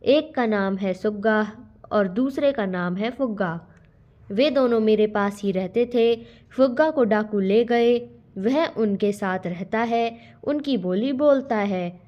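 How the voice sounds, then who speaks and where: Woman reading as a calm old hermit sage. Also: mid-range voice, slow, natural voice. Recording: dull lo-fi recording.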